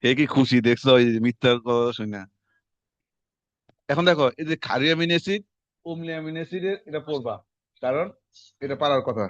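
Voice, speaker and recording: A man, teaching a class in quick, conversational lecture style and quizzing his students as he goes. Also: a little high, no echo. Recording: dull lo-fi classroom recording.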